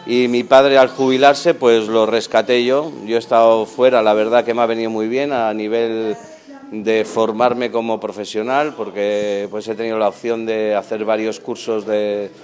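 Restaurant manager interviewed on camera, a man with a lowish voice, earnest, hesitant restarts, handheld mic in a dining room. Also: flat delivery, normal speed, a little mellow, faint music behind. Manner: earnest, lots of fillers and restarts. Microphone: handheld mic held by interviewer.

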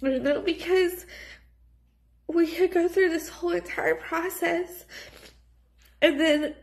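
A woman's voice: very high voice, steady tone, slow, creaky. A woman in her thirties crying with a snotty, tearful voice as she talks in an emotional personal vlog. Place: small plain indoor room. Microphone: phone at arm's length.

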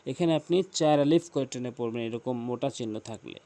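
A man teaching correct recitation, giving quick explanations of common mistakes between slow, drawn-out recited words. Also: mid-range voice, dark tone, dry recording. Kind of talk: tajweed lesson.

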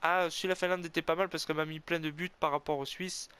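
A man gives excited play-by-play of his own ice hockey video game match, cheering, groaning and correcting himself as he plays. His fairly high voice is fast and clean-toned, and he often exclaims "oh là là." He's animated and admits he's an amateur.

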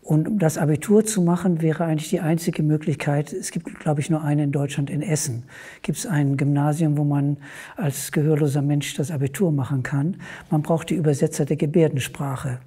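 Male guest with a husky, soft-toned voice, musing through examples. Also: on the high side. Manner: anecdotal, thinking aloud. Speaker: discussion guest. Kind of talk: academic discussion.

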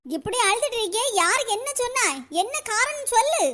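A shrill meddling village auntie. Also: animated, normal speed, pushed and bright, heavily acted. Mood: mock-concerned. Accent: Kanyakumari Tamil. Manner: nosy, scheming, mock-sympathetic. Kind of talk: cartoon comedy voice acting.

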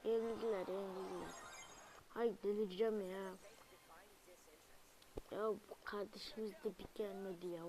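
A young woman commentating her own gameplay, alternating muttered remarks with loud frustrated outbursts and asides to viewers. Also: medium pitch, moderate pace, pauses often, background noise. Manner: excitable, frustrated outbursts at the game; talks to viewers, asks them to subscribe. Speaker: gaming video creator; student.

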